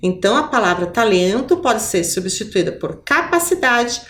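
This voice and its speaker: Expressive Brazilian woman teaching children. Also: fairly high pitch, normal speed. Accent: Brazilian Portuguese. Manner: expressive, sing-song teacher voice, stretches key words. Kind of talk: primary school lesson on TV. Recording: roomy echo.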